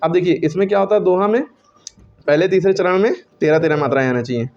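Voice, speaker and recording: A man's voice: high-pitched, fast, creaky, darkish tone, dull audio. A male teacher giving a classroom lesson on Hindi verse meter, counting syllables aloud and correcting himself as he goes.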